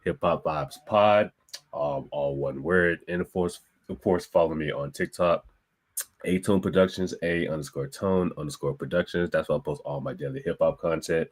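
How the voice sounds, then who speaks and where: Young man, deep voice, easygoing podcast co-host. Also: moderate pace. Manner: easygoing, hype reactions. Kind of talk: casual podcast chat.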